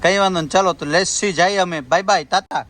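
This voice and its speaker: A man's voice: high voice, fast, fairly bright tone. A man, hosting a casual family vlog outdoors, chatty and joking as he talks to the viewers as family. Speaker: vlogger host. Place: outdoors at a temple and village homes.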